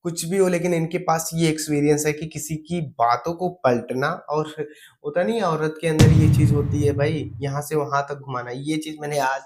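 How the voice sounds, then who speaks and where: A man's voice: fairly high pitch, fairly even intonation, moderate pace, a little mellow, soft background music. A man giving casual reaction commentary over a video clip, chatty and mocking, often laughing. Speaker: meme reaction channel host.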